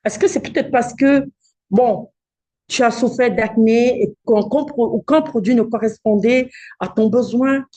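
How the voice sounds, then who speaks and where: A woman's voice: a little high, a little slow, mellow. A woman coaching a live online workshop, direct and encouraging, asking her audience rhetorical questions. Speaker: cosmetics business coach hosting a live challenge.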